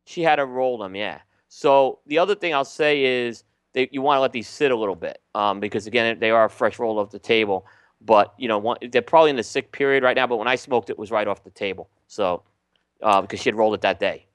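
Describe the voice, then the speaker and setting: Speaking fairly quickly in a smooth, medium-pitched voice, this male podcast co-host reviews cigars in easygoing conversation. He often says um and restarts his sentences, and the recording is dry.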